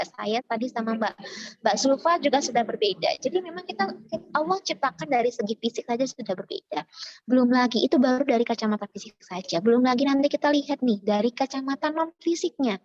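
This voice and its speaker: A woman from Java, a university lecturer, speaking in a chatty, animated way with many fillers, as a webinar speaker. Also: a little high, dry recording, dull audio. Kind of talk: informal lecture. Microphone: video call.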